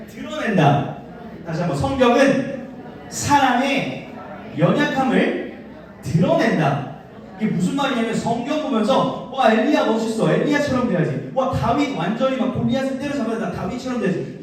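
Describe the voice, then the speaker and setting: Male youth pastor, 30s, animated sermon style, roomy reverberant hall sound, mic set back. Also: extremely high pitch. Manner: animated, acts out voices and leads call-and-response. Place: church hall, live service. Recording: very echoey hall, mic from a distance.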